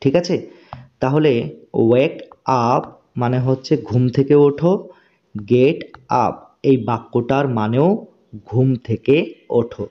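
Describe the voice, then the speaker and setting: Slow, patient male teacher. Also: medium pitch, highs cut off. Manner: slow, patient, repeats words and checks understanding. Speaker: English teacher. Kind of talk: spoken English lesson.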